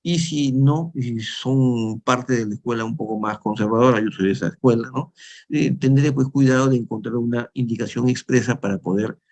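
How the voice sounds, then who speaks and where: A man's voice: medium pitch, normal speed, darkish tone. A man in his fifties from Peru, giving a dental lecture in a conversational way, often checking in with his listeners. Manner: conversational, frequent tag questions, restarts. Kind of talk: lecture with slides.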